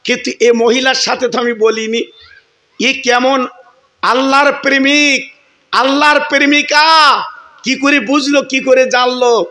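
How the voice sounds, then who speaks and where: A humble holy man prays fervently, begging forgiveness, as a male preacher acts him out. The voice is very high and bright, and the lines tumble out quickly. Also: fairly even intonation, heavily acted. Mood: bewildered. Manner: pleading, fervent prayer. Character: humble old male saint pleading with God. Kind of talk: sermon storytelling.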